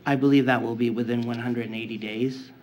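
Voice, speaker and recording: A man's voice: mid-range voice, fairly even intonation, a little fast. A man giving semi-formal testimony at a hearing as an applicant, hesitant and stiffly worded, with many ums. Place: indoor public hearing room. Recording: dull, lo-fi, faintly noisy room recording.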